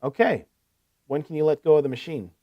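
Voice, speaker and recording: A man with a voice on the high side talks fairly quickly, in a lightly acted way. He plays a courteous, eager heavy-equipment salesman on a scripted business phone call. Businesslike and helpful, he listens attentively and asks probing questions.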